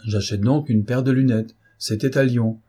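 A man playing a deadpan unruffled old clerk. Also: mid-range voice, normal speed, slightly rough, natural voice. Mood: detached. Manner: unruffled, detached. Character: phlegmatic one-eyed old clerk, deadpan. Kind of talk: audiobook reading.

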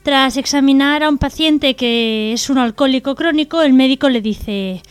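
A woman from co-hosting a radio comedy show, telling jokes with playful deadpan quips. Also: high-pitched, normal speed. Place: radio studio.

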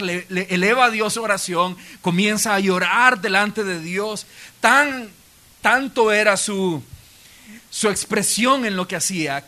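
A man delivers a church sermon. His voice sits high and bright, and he tells stories with humor, lively asides and quoted voices. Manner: storytelling with playful asides and acted quotes. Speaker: pastor. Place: church auditorium.

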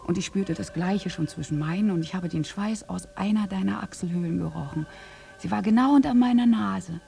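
In a German radio drama monologue, an actress plays a young prostitute scarred by war and struck by love, speaking intimately and haltingly, moving between breathy hush and intensity. Her mid-range female voice sounds natural, with an intimate, aroused mood and soft music in the background.

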